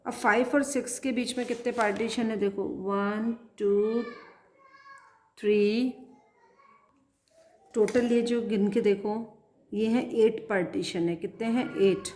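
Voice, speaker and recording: Slow, patient maths teacher, woman. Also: medium pitch, fairly even intonation, a little mellow, roomy sound, slight background noise. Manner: slow and patient, counting aloud and asking pupils questions. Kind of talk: classroom math lesson, writing as she explains.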